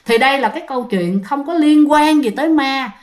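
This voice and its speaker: A woman's voice: sits high, lively intonation, a little fast, darkish tone. A woman with a Southern Vietnamese accent telling ghost stories in a chatty style, speaking directly to her listeners. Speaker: storyteller host. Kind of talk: conversational ghost-story narration.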